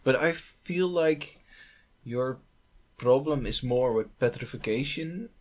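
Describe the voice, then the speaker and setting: Hesitant husky man on a podcast. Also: medium pitch, slow, darkish tone. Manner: hesitant, stumbles and repeats words. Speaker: podcast co-host and player. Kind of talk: casual podcast chat.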